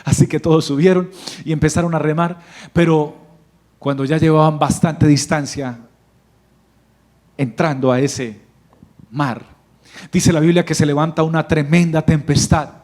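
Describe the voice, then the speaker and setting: A male pastor delivering a sermon, asking the congregation to repeat after him and building to loud, fervent exhortation. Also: sits high. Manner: preaching with call-and-response to the congregation.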